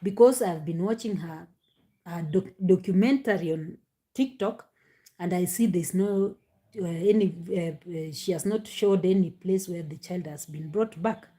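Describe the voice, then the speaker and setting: A woman, talking casually to her viewers, animated, with many fillers and rhetorical questions. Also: on the low side, unhurried. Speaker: commentary host. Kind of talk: casual live commentary to viewers.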